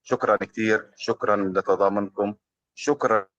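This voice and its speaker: A man with a Palestinian Arabic accent giving earnest, formal-leaning testimony, pausing often as he speaks. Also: fairly low pitch, fairly even intonation, fairly bright tone, no room sound, lo-fi sound. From Gaza, Palestine. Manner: hesitant, pausing often with fillers. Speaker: journalist being interviewed.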